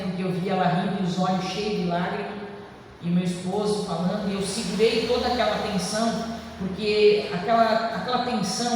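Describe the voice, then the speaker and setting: A woman's voice: mid-range voice, darkish tone, a little hiss or hum. A woman giving a heartfelt personal testimony at a church service, often addressing the congregation directly. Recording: echoey church hall from far off.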